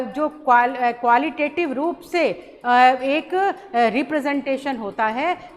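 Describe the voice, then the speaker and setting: High-voiced woman lecturing in an echoey hall. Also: slight background noise. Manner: explains slowly with many pauses and restarts. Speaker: college lecturer. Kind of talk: recorded lecture. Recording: roomy hall echo, faint ambience.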